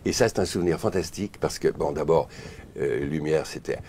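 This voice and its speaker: A middle-aged man with an extremely deep voice, husky and rough at the edges. He tells stories in a lively way and slips into the voices of the people in them, the way a seasoned voice actor would. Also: brisk. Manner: lively storyteller, acts out voices. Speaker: voice actor and singer, guest. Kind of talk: interview, anecdote telling.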